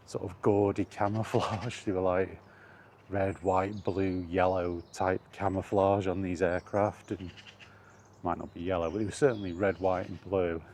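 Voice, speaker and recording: Deep-voiced with a darkish tone, the man wanders along streets or paths recording a solo vlog. His talk is a casual, easygoing ramble to himself full of trailing asides, captured in a noisy outdoor recording.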